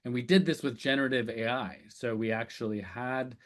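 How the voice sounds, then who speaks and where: A man's voice: medium pitch, steady tone, a little fast. A man giving a conference talk in a loose, conversational way, with many "um"s and "uh"s. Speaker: speaker and sessional lecturer.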